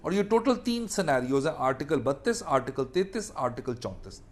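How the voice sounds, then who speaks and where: This defence attorney, who also lectures in law, talks a bit fast in a somewhat high voice that moves through big pitch swings. His Pakistani-accented lecture is instructive, with points restated and English legal terms mixed in.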